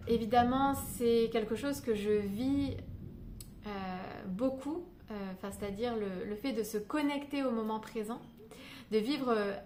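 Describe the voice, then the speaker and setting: A spiritual guidance vlogger from Paris, France, with a somewhat high voice, gives an unscripted reflective monologue to camera, hesitating often and using many "euh" fillers. She's indoors in Paris during a thunderstorm, with faint storm ambience and a little hiss or hum.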